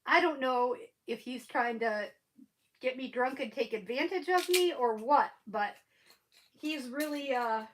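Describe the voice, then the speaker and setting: On a low-quality recording, a high-pitched woman speaks at a measured pace while hosting a relaxed crafting stream from her house. Stuffed up and sniffling with a head cold, she stays chatty, wanders off topic, and laughs frequently.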